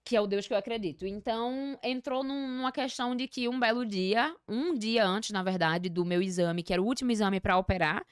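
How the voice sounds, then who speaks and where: A Brazilian woman chats as a podcast guest and tells her life story with lively, expressive energy, full of slang and fillers. Her voice sits in a middle pitch. The recording is dry and close, with no room sound. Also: brisk, few pauses, smooth, dry recording. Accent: Brazilian Portuguese. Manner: expressive, animated, uses lots of slang and fillers. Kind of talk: casual chat, personal storytelling.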